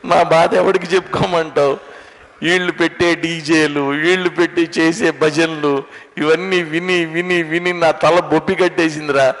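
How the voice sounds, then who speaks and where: A man voicing a weary god who scolds in a low, slow, grumbling voice, with long hall reverb. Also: steady tone, fairly bright tone. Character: weary god, fed up with loud devotions.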